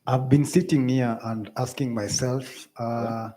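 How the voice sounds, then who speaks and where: A man on a panel beginning his answer in a measured way. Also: medium pitch, fairly even intonation, dark tone, slight background noise.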